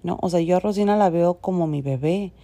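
Gravelly low-voiced Mexican woman. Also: a little fast, mellow. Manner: frank, chatty, sprinkled with swearing. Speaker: podcast host. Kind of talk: casual personal storytelling.

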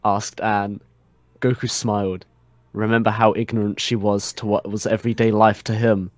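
A young adult man reads comedy fan fiction as a dramatic narrator, often cracking up and giggling so the narration breaks into amused banter. His voice is lowish and level, at a moderate pace with no echo.

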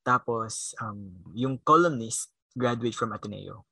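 A young man with a Filipino accent chats casually as a podcast co-host, drifting between languages and often trailing off into fillers. His voice is gravelly and a little husky, with a bright edge, and it sounds dry and close to the mic. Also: medium pitch, slow pace, no echo, low-quality recording. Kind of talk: casual chat.

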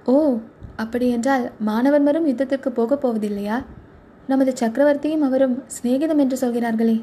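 A woman reading the part of a lively, curious young wife in a storybook, in a coaxing, questioning manner. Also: high voice, moderate pace, slight background noise, close to an everyday voice.

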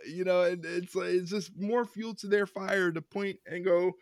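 A man co-hosting a casual wrestling podcast, ranting with lots of repeated words and quick laughs. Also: sits high, steady tone, dry recording, clean studio sound. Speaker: podcast co-host.

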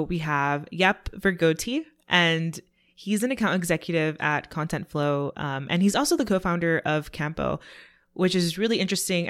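A man's voice: fairly high pitch, a bit bright, clear, resonant tone. A man hosting a podcast, introducing his guest and asking questions in a friendly, upbeat way. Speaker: podcast host. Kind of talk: casual interview hosting.

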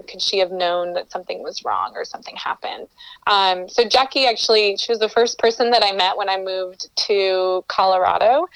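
Calling in remotely to an interview, a Colombian entrepreneur guest gives earnest, reflective answers, frequently restarting her phrases. Her medium-pitched voice is a bit bright, clear, and resonant, on a dry, low-quality recording.

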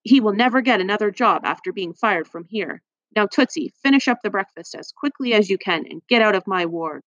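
A woman's voice: mid-range voice, expressive, fairly quick, fairly bright tone, no echo, lightly acted. A spiteful hospital matron sneers in a cold, scornful voice, read by a woman for a storybook. The sound is dry and a little dull, close up with no room. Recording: dry, slightly muffled.

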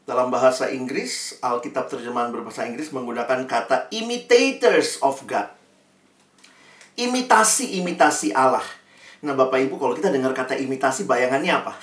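Preacher with a lively storytelling delivery. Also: mid-range voice, fairly quick. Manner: lively storytelling, addresses listeners directly. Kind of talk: sermon to an online congregation. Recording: roomy sound, distant mic.

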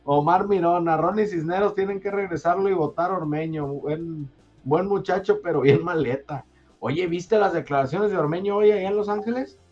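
A man's voice: high voice, a little mellow. A man, hosting a casual sports chat and reading listener messages aloud in a joking way. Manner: joking, reads messages aloud in a quick, loose way. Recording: slightly dull sound, faint music behind.

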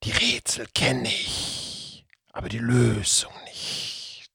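Storybook creature: sly hissing serpent with a cat's head, slow gravelly whisper, dry close sound; a man voices it. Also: medium pitch, steady tone, sharp tone, dry recording, exaggerated voice. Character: sly whispering male Tatzelwurm, cat-headed serpent.

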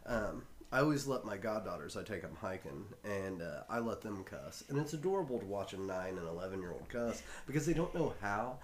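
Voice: low voice, sing-song, a little fast, hardly any pauses. A person chatting casually, affirming often and telling a funny story. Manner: supportive, frequent affirmations. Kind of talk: casual podcast chat.

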